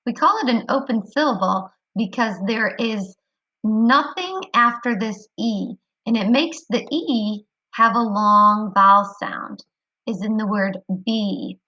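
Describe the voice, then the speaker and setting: A woman teaching a kindergarten phonics lesson online, speaking clearly and encouragingly to young children. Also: fairly high pitch, slow pace, bright, forceful tone, highs cut off.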